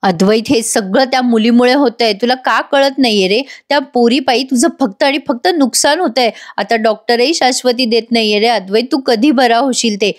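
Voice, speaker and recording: A possessive, scheming middle-aged aunt with a sharp, scolding tongue, as a woman puts her on. She sounds bitter and sits slightly high in pitch. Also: moderate pace, few pauses, lightly acted. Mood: resentful.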